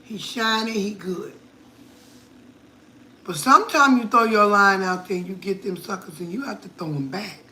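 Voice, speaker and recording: A woman's voice: mid-range voice, moderate pace, sharp tone. A middle-aged woman from Connecticut, a cooking vlogger chatting casually and playfully, laughing often. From Connecticut, USA. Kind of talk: casual live chat.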